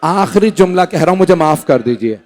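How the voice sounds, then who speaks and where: A male cleric with a Pakistani Urdu accent gives a Muharram mourning sermon in a large indoor hall, reciting tragic episodes in a slow, lamenting way. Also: a little high, expressive, darkish tone.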